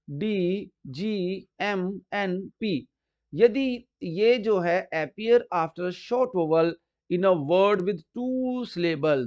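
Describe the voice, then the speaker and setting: Slow, high-voiced male spelling teacher. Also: a little mellow. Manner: slow, drawn-out, stresses key words and repeats examples. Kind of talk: explanatory lesson. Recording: dull lo-fi recording.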